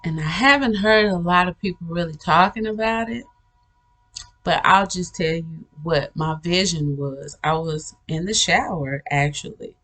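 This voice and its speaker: A woman's voice: lowish voice, unhurried, fairly bright tone. A woman hosting a spiritual channel, telling about a vision in a casual, rambling way, with many restarts and frequent laughter. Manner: earnest, storytelling.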